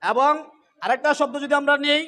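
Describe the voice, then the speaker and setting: A man with a strikingly high voice gives a pronunciation lesson. His tone is bright and forceful. He works through the rules step by step and repeats each example word. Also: brisk. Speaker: teacher of Gita recitation.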